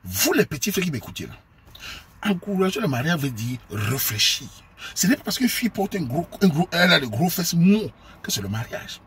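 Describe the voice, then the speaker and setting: A man from Cameroon with a Cameroonian French accent, delivering a preachy, scolding monologue to his viewers and sometimes bursting into shouts. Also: a little high, very animated, a little fast, a little hiss or hum. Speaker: online commentator.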